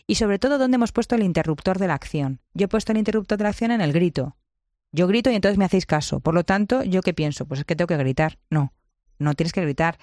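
Una mujer con acento de España que da consejos de crianza con énfasis, imitando frases de otros. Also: female voice, on the low side, quick pace, no room sound, clean studio sound. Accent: Spain Spanish. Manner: lively, emphatic, acts out quotes. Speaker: parenting guest expert. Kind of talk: conversational advice.

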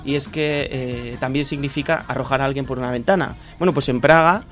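A man's voice: mid-range voice, fairly even intonation, a little fast, fairly bright tone, faint music behind. A man with a Spanish accent, a guest on a comedic live show, telling playful stories about his year abroad. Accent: Spanish from Spain. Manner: storytelling, playful, mock-sings snatches of songs. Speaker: guest presenting a country segment.

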